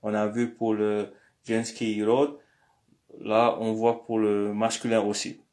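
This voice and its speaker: Man, language teacher, slow, hesitant, frequent fillers, screen lesson. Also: on the low side, completely flat delivery, a little mellow. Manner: slow and hesitant, many pauses and "euh".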